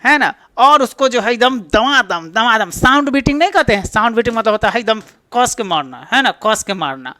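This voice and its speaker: A man's voice: very high-pitched, lively intonation, fairly quick, few pauses, bright, forceful tone, no room sound. A man with a Bihari Hindi accent teaching an exam-prep English lesson, explaining step by step and answering his own questions. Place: classroom with a board.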